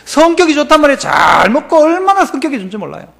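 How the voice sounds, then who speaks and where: A man from the Gyeongsang region of Korea, speaking with a Gyeongsang accent, preaching a lively sermon as pastor and coaxing the congregation to repeat after him. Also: fast, gravelly. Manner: animated preaching, rising to emphatic calls then dropping low.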